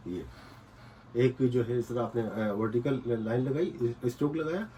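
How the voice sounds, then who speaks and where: A man's voice: medium pitch, a little slow, warm tone, slight background noise. A man teaching a casual whiteboard lesson, patiently repeating points and checking that students follow. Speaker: language teacher.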